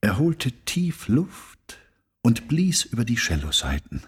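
A man reading a children's story aloud in an expressive storyteller's manner. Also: mid-range voice, takes it slowly, breathy edge.

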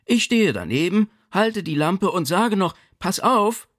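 Brief: a man playing a brisk, pragmatic older mother, raised pitch, animated storytelling. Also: exaggerated voice.

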